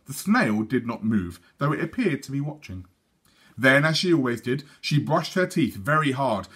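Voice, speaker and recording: Reading a children's storybook aloud, a man delivers the story with a teacher's measured pace. His pitch is very animated and his tone a little husky, giving the narration an expressive feel.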